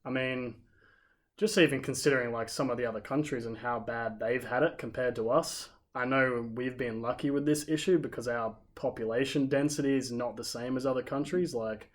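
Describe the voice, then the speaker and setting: Australian man, mid-pitched, opinionated, firm podcast co-host voice. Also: steady tone, fairly quick. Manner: opinionated and emphatic, leans on "like". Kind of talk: casual podcast chat.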